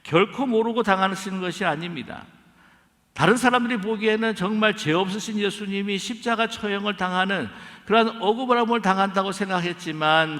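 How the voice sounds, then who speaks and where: A male pastor delivering an emphatic sermon, his pitch high and swinging widely through each phrase. His voice is bright with a gravelly edge. It rings through a church hall with a long reverb. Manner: emphatic preaching, acts out quoted dialogue. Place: church sanctuary.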